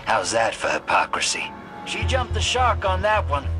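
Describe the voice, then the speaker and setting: A man's voice: high voice, huge pitch swings, normal speed, over music. An actor playing a shady, cynical male drifter and old survivor in a video game, with a sly, folksy drawl. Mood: sardonic, suspicious. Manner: sly, folksy drawl, addressing the listener as kid and partner. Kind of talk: video game character monologue.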